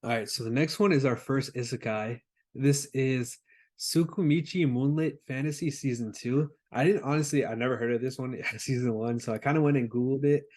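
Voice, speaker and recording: A man's voice: medium pitch, a little fast, a little mellow. Laid-back man chatting about anime. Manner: laid-back, filler-heavy, explains plots with many "like"s. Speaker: podcast co-host. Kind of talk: casual chat about anime.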